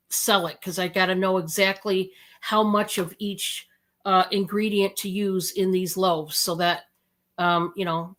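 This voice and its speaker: American lady selling baked goods on a live stream, slow and chatty, bright voice. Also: medium pitch. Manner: chatty, slow and drawn out, many fillers. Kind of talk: casual live sales chat.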